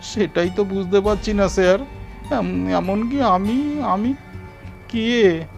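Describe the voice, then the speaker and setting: A man's voice: sits high, takes it slowly, creaky, a little mellow, faint music behind, voice pushed up, heavily acted. A man voicing a timid, newly dead male ghost who whines and pleads tearfully.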